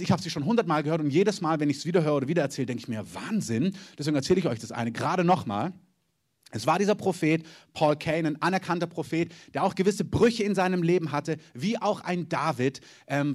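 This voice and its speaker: A man preaching a sermon, telling a story with emphatic repetition and often closing his points with "Amen". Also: fairly high pitch.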